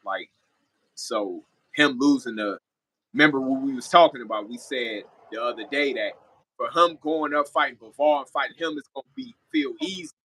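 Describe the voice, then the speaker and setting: A man's voice: medium pitch, expressive, normal speed, bright, forceful tone, slightly rough, low-quality recording. A man giving his opinions in a casual sports reaction video, repeating phrases for emphasis as a guest commentator.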